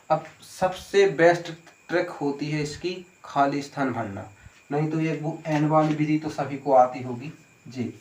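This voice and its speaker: A man teaching an exam-prep maths lesson, explaining step by step and asking questions before answering them himself. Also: a little high. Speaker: maths tutor. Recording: echoey room.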